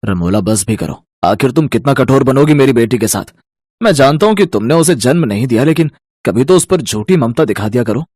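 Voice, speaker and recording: A man voicing a gentle father in a storybook, speaking in a calm, reproachful way. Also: mid-range voice, a little fast, dry recording, clean studio sound, natural voice. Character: weary gentle father, pleading.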